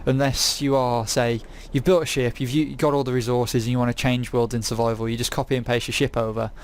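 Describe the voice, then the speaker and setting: A man's voice: medium pitch, flat delivery, fairly quick. A young British man hosting casual gameplay commentary, rambling and breaking into silly songs. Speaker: gaming video host.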